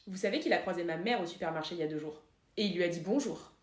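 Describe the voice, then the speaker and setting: A woman performing comedic sketch monologues, self-assured and deadpan. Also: fairly low pitch, racing, roomy sound. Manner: deadpan, self-assured, playing several characters.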